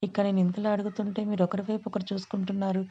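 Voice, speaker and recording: A woman reading the lines of a young adult man who speaks in a brisk, matter-of-fact way. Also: medium pitch, level tone, creaky, warm tone, highs cut off.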